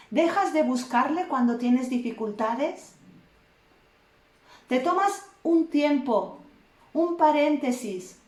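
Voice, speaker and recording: A woman from preaching a sermon, retelling a story slowly and with emphasis, repeating key phrases. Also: a little high, darkish tone. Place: church hall. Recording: echoey room.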